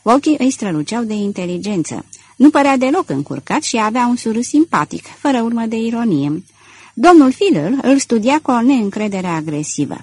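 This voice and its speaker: A woman narrating an audiobook in a measured storytelling manner. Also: a little high, very animated, a little mellow, breathy edge. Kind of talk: scripted narration.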